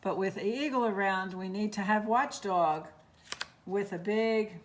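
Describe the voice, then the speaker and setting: A woman's voice: a little slow, slight background noise, natural voice. A woman voicing a small, earnest young prairie dog, urgent and pleading, in a storybook read-aloud. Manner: urgent, pleading, higher-pitched.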